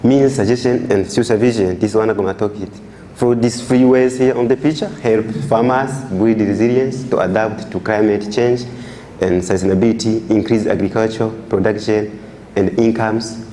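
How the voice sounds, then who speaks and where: A young Burundian man gives a student presentation, pausing to find his words. His voice is fairly deep and soft-edged, dark in tone. There is faint background noise. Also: fairly even intonation, low-quality recording. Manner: halting, searching for words. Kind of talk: classroom presentation.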